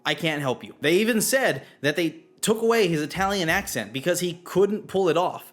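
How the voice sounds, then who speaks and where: A man's voice: on the high side, a bit bright. A man giving a spoken movie review, blunt and opinionated in his criticism. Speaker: film reviewer.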